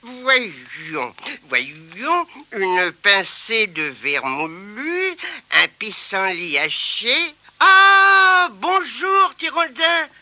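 Storybook granny, old, kindly, fussy, high bright voice, played by a man. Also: very animated, drawn-out words, dry recording, heavily acted. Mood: musing. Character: kindly old grandmother baking Christmas cake.

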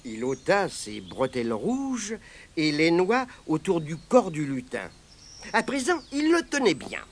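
A woman narrating a children's story with expressive, animated reading. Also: sits low, slightly rough. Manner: slow, animated read-aloud with big swings in tone.

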